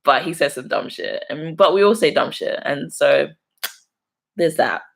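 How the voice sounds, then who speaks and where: Her deep, gravelly voice moves a little slowly as the young London YouTuber, London accent and all, chats casually on a live stream. She laughs often while reading out and answering viewer comments.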